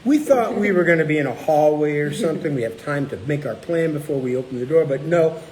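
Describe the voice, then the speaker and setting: A man's voice: fairly high pitch, quick pace, poor audio. A middle-aged man hosting a casual chat, telling stories and acting out the people he quotes. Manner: animated, acts out quoted people. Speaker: cookbook author and channel host.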